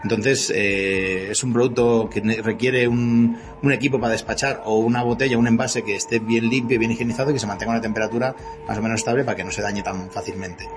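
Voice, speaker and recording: With music playing in the background, a fiftysomething CEO from Spain talks quickly in a fairly low voice with fairly even intonation. He's a guest in an interview, explaining matters in a chatty but wordy and hesitant fashion, his Spanish accent clear.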